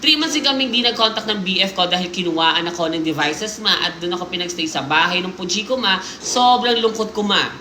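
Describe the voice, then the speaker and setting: A woman hosting a live stream, reading listener stories aloud in lively mixed Tagalog and English, with jokes and asides. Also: lowish voice, a little fast, slight background noise. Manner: animated storytelling, Taglish, jokes and asides. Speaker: livestream host. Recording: roomy sound with music playing behind.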